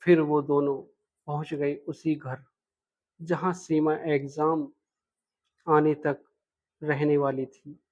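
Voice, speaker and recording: Slow, flat-voiced male storyteller. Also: fairly high pitch, lo-fi sound. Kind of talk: reading a romance story aloud.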